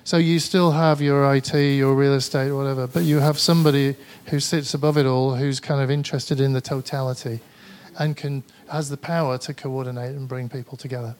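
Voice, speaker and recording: Slight background noise sits behind this Manchester man's medium-pitched, a little mellow voice, which shows little pitch movement and runs fairly quickly with few pauses. With a Mancunian English accent, he gives a tired, conversational conference presentation with audience Q&A, often hesitating and restarting.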